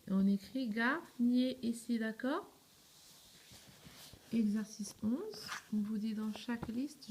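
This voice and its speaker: A woman's voice: medium pitch, mellow, slight background noise. A young woman teaching young children to spell, patiently asking questions, answering them herself and checking that they follow. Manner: patient, asks and answers her own questions; spells words letter by letter, often checks "d'accord?". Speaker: primary school teacher. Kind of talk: slow step-by-step spelling lesson.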